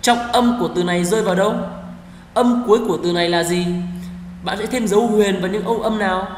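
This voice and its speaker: A man with a Vietnamese accent teaching English pronunciation, repeating each word slowly and spelling out its sounds. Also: sits high, steady tone, slight background noise. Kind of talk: slow pronunciation drill. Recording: echoey room with long reverb.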